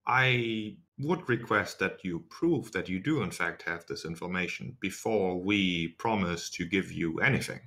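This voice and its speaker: Guy doing a careful formal adventurer lady in a tabletop game, low and bright, picks words precisely. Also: unhurried, hardly any pauses, exaggerated voice. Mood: measured doubt. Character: formal, measured, cautious female adventurer.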